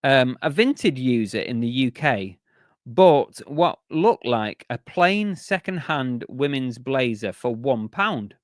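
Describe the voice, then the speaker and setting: On his laid-back live stream, a host talks slowly and chattily, stumbling through ums and restarts. His middle-pitched voice is nearly gone from wear, captured in a dry, close recording with no echo.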